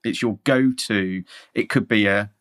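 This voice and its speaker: A man's voice: on the low side, a little slow, fairly bright tone. A man hosting a podcast, asking guests questions in casual chat with a dry, joking manner. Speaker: podcast host.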